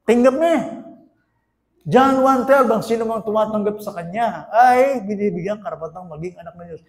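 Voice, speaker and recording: A man with a Filipino accent preaches a sermon, his voice pitched high. He moves between loud, pressing questions and hushed lines, slipping English phrases into his talk. The sound is roomy, with the echo of a church hall. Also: normal speed. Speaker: pastor. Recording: echoey room.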